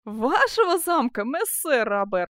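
A woman voicing a passionate middle-aged master sculptor, exclaiming loudly in an audiobook reading. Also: mid-range voice, lively intonation, normal speed, dry recording, clean studio sound, natural voice. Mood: mocking. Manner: impassioned, exclaiming.

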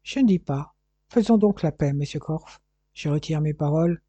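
A man voicing a brash, boastful English detective in an audiobook, talking loudly and pushing his voice up. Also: on the high side, moderate pace, no echo, natural voice.

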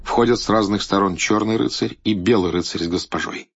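A man's voice: on the low side, a little fast, fairly bright tone, husky, highs cut off. A man narrating a scripted play, reading out roles and stage directions.

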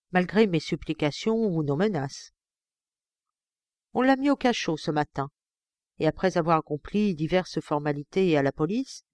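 A woman narrating an audiobook in a measured, expressive first-person reading. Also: on the low side, no room sound, clean studio sound. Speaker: audiobook reader.

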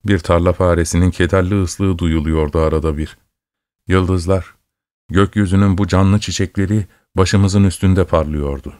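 A man reading a story aloud in a measured, steady way. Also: low voice, no room sound, studio quality. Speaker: narrator. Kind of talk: scripted story narration.

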